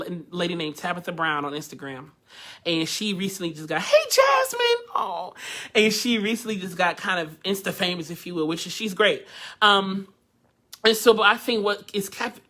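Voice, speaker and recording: Bright-voiced chatty male voice teacher. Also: high-pitched. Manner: chatty, interactive, laughs often, greets viewers. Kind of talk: live online vocal workshop.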